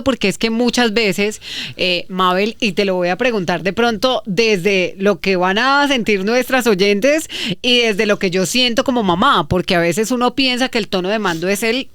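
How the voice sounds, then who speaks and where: A woman's voice: on the high side, moderate pace, fairly bright tone, clear, resonant tone, no room sound. A woman hosting a family podcast, chatting casually and affirming her guest. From Colombia. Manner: agreeable, chimes in with short affirmations. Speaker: podcast host. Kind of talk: casual conversational interview.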